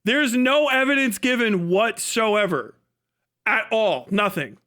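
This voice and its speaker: Reacting to a video on a live stream, this man talks slowly in a high, pushed, bright voice with lively intonation. He's casual and foul-mouthed, mocks what he sees, and hammers points home by saying them again.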